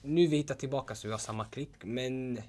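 A young man in a casual chat, slangy and hesitant. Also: mid-range voice. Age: young adult. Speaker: guest.

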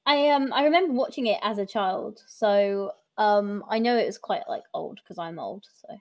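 A woman's voice: medium pitch, normal speed. A woman in her twenties hosting a podcast in casual chat, chatty, laughing often and trailing into fillers. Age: 20s. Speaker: podcast host.

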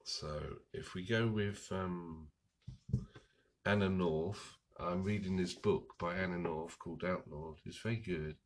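Hoarse, husky-voiced man rambling slowly. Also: low-pitched, steady tone. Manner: rambling, loses his thread and restarts. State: hoarse from a cold. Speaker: book vlogger. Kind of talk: casual chat and book summary.

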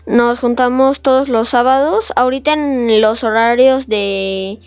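Higher-voiced scout guest woman. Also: measured pace, clear, resonant tone, no room sound. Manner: explanatory, steady. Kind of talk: casual radio chat.

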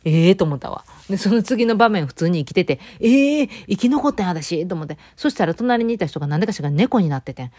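A woman's voice: fairly low pitch, quick pace, hardly any pauses, no echo. A middle-aged woman with a Kansai Japanese accent talks casually on her own at home, rambling through stories with many fillers. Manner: chatty, rambling, lively storytelling with many fillers. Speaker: vlogger. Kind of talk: casual solo chat.

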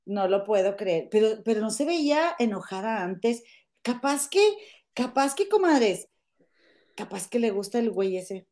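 A woman's voice: medium pitch, animated, a little slow, darkish tone. Scandalized Mexican woman gossiping. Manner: scandalized and outspoken, uses slang like "güey" and "vato". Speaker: co-host of a gossip show. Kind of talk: casual gossip chat.

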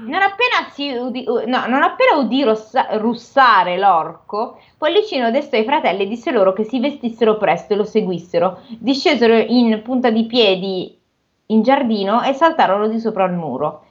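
On a muffled recording, a woman co-hosting a podcast reads a fairy tale aloud and chats about it playfully, her fairly high voice moving at a moderate pace with lively intonation. She sometimes trips over the words and chuckles at her stumbles.

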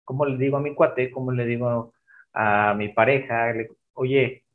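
A man hosts the interview and asks questions hesitantly, restarting often. His voice has a mid pitch. The audio is thin and phone-like. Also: steady tone, moderate pace. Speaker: interview host.

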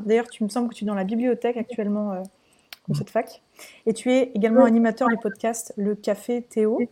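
A woman hosts a webinar with a fairly high, mellow voice. She introduces each guest in a friendly way and often pauses on fillers. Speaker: webinar host. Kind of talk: introducing speakers.

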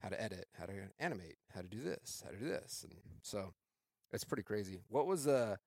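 Low-voiced man hosting a podcast. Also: sing-song, vocal fry, darkish tone, no room sound, studio quality. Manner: rambling, restarts often, drawn-out phrases. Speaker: podcast host. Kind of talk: casual interview chat.

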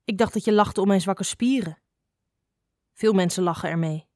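A woman's voice: medium pitch, normal speed, dark tone, no echo, clean studio sound, lightly acted. A woman voicing a prickly young girl snake who speaks directly and curtly, in a storybook reading. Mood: blunt. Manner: direct, curt.

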